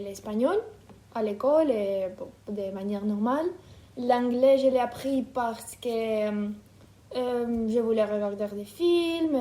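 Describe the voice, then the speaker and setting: A woman in her twenties from Ukraine, speaking French, answering interview questions thoughtfully with many pauses. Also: a little high, mellow. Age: 20s. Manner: hesitant, thoughtful, many fillers. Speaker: interview guest. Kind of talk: casual interview.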